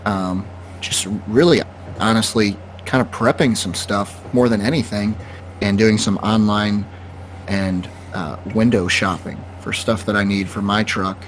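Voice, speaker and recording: Man, co-host, low voice, relaxed rambling talk, faint background noise. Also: measured pace. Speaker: podcast co-host. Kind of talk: casual podcast chat.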